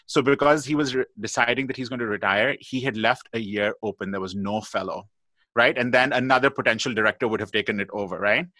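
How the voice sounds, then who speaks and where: A man's voice: medium pitch, fast talker, sharp tone, no echo. A man, a guest pathologist, telling a long story in a podcast interview, chatty and full of "like" and "you know".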